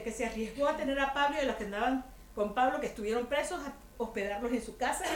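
A woman giving a chatty, humorous sermon to a women's group, often putting rhetorical questions to her listeners. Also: high voice. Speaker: women's ministry speaker. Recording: echoey room with faint ambience.

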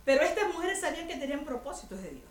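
A high-pitched woman preaches to a women's group in a chatty, humorous way, checking in with her listeners through rhetorical questions. Her voice rings around an echoey church room, with a faint murmur of ambience underneath. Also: big pitch swings, racing, slight background noise. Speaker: women's ministry speaker. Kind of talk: conversational sermon to a women's group.

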